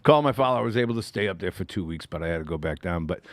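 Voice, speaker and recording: A man's voice: low-pitched, rapid-fire, dry recording, studio quality. Middle-aged man telling a profane story. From Boston area. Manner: profane, laughing, acts out voices in his stories. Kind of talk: casual storytelling chat.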